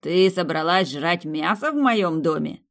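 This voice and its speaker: Woman as a gruff, domineering male tavern owner; barking, scornful storybook villain. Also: fairly low pitch, animated, a little slow. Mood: lecturing.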